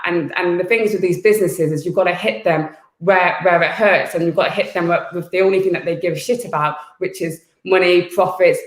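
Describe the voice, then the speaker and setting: Fervent low-voiced woman activist, echoey. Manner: fervent, blunt, repeats words when pressing a point. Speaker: activist guest. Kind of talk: impassioned interview talk.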